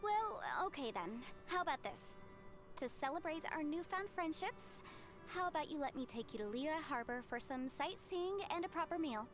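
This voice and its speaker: A woman's voice: sits high, lively intonation, normal speed, over music. A woman voicing a polite, upbeat, capable young woman in a video game, speaking articulately. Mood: friendly, upbeat. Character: bright, courteous, capable young woman, friendly and grateful.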